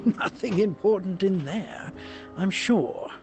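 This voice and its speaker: An actor playing a wry, teasing spy agency handler in a video game, with an unhurried drawl. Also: male voice, high voice. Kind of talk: video game character acting. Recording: music behind the voice.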